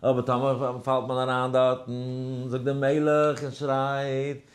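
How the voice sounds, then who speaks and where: A man's voice: mid-range voice, monotone, takes it slowly. A man giving a Torah class, telling a parable in a rambling way with many fillers and English words mixed in. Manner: chants verses in a sing-song. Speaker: rabbi giving a daily class. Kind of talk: Torah lecture in story form.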